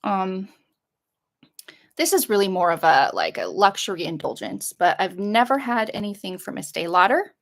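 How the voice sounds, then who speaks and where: A middle-aged woman with a creaky voice, chatting casually through an unboxing in a rambling, hesitant way. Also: medium pitch. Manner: rambling, hesitant, trailing off and circling back. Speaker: vlogger showing a shopping haul.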